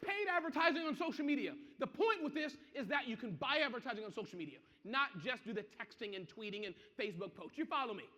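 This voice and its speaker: A man giving an interactive business seminar to a live audience, energetic and constantly checking that people follow him. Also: very high voice, fast, hardly any pauses. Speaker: seminar presenter. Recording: muffled, echoey hall.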